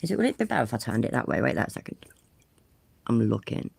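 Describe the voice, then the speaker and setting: Extremely low-pitched and gravelly, her darkish voice has big pitch swings, a breathy edge and a fast delivery, with no echo. She's hosting a casual phone livestream while congested with a cold, chatty, sweary and self-deprecating.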